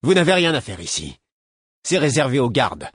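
A cocky, hot-headed teenage guard in a spoken storybook, put on by a male narrator in a higher, pushier voice than his own. the guard snaps and sneers, spoiling for a fight. the delivery is dry and close. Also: normal speed, breathy edge, no echo. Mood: sneering. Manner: belligerent, snapping.

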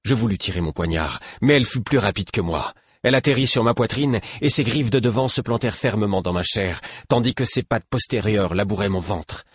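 A man with a low, husky voice reads a first-person adventure audiobook with measured, grave intensity. The recording is close and completely dry, as in a small booth. He keeps a steady storyteller's pull through every sentence. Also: dry recording. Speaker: audiobook narrator. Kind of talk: dramatic audiobook reading.

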